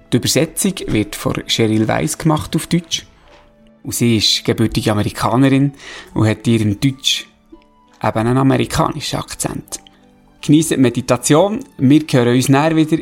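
A man's voice: medium pitch, a little fast, creaky, faint music behind. A man with a Swiss German accent hosting as an exercise instructor, casual and informal. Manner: plain, informal, counting aloud.

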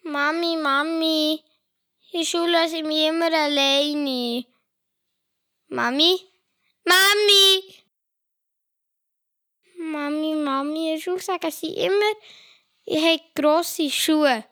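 A woman's voice: high-pitched, steady tone, takes it slowly, a bit bright, voice pushed up. A woman putting on the voice of a whiny little boy nagging his mother in a joke. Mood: whining.

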